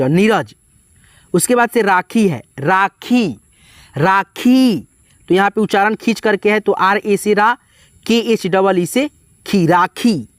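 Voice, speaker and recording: A man's voice: high voice, dry recording. Male tutor, patient step-by-step spelling lesson, dry and close to the mic. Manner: spells letter by letter, repeats "ठीक है" and "दोस्तों". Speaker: English teacher.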